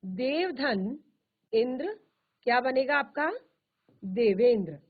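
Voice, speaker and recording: A woman teaching Hindi grammar, slowly repeating terms and asking questions that she answers herself. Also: fairly high pitch, expressive. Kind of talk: slow classroom explanation. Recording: tinny phone-like virtual classroom audio.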